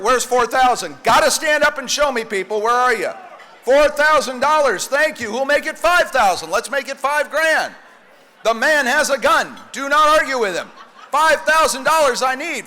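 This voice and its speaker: A male auctioneer calls bids to a room with a high, bright, forceful voice. His patter is repetitive and commanding, with joking asides. The sound rings with the long echo of a large hall. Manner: repetitive bid-calling, commanding, jokey. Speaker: live auctioneer and event host. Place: large banquet hall at a fundraising dinner.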